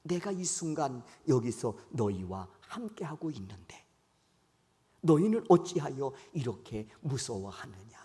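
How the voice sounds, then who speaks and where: A male pastor voicing a gentle divine teacher who speaks soothing, tender words of reassurance during a sermon. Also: medium pitch, big pitch swings, measured pace, voice pushed down. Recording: long church hall reverb.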